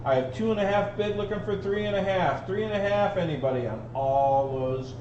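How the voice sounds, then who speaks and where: A man calls a live auction in a fairly high voice, repeating bids and bantering in a folksy way. He sounds set back from the microphone in an echoey room, and the sound is a little dull. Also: fairly quick, a little mellow. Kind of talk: live auction calling, repeated bid chant. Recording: roomy, distant, dull sound with faint noise.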